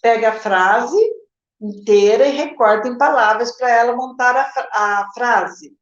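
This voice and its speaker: A Brazilian woman teacher explains how to teach reading, answering viewer questions in a live session. Her voice sits a little high and she keeps checking in with her audience. The sound is roomy and somewhat dull. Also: measured pace. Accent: Brazilian Portuguese. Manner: explanatory, addresses viewers directly with "gente" and "tá?".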